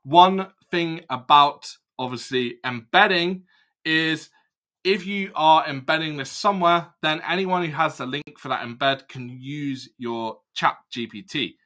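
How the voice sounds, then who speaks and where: A young man casually walking through a software demo, explaining each step as he clicks. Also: fairly high pitch, measured pace. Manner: casual, explanatory, thinks aloud while clicking. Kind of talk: screen-recorded product walkthrough.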